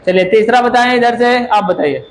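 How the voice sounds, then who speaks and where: A man with a high voice teaches an English grammar lesson to a class. He explains step by step and keeps asking his students questions. His voice rings around an echoey classroom with a faint hum behind it. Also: lively intonation, moderate pace.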